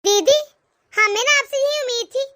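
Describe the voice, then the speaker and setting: A woman's voice: very high-pitched, normal speed, bright, forceful tone. A woman voicing a stingy, scolding middle-aged aunt in a cartoon, lecturing and taunting. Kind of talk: animated cartoon voice acting.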